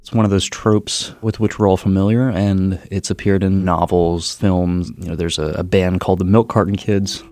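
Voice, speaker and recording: A man's voice: low voice, little pitch movement, normal speed, hardly any pauses, darkish tone, no room sound. A man, a historian giving formal, academic commentary in an interview. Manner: scholarly, formal wording.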